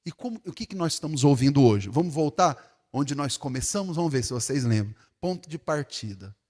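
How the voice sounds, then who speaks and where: A middle-aged man with a São Paulo accent, preaching a sermon as pastor, talking conversationally and then bursting out loudly. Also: fairly high pitch, lively intonation, a little fast. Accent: Brazilian Portuguese, São Paulo. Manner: conversational preaching with sudden loud exclamations. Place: church hall. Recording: echoey church hall.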